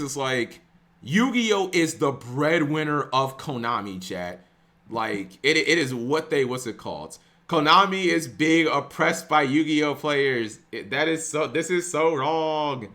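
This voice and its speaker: A man's voice: on the high side, expressive, measured pace, pushed and bright. A young man streaming, ranting casually to his live chat with lots of restarts and some swearing.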